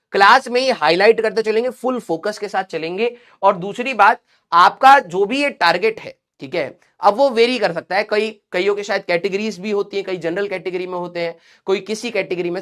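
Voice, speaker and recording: A man's voice: sits high, pushed and bright. A man who teaches exam students, giving a direct, fatherly motivational talk and repeating his key points.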